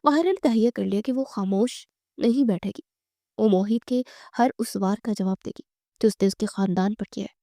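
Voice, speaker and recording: A woman narrating a bedtime story in a dramatic, expressive reading. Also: medium pitch, dry recording, clean studio sound.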